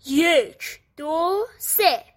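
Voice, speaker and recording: A woman's voice: extremely high pitch, lively intonation, pitched above the performer's own voice. A woman voicing a grumpy, proud male boar in a children's storybook reading. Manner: gruff, haughty, sulky.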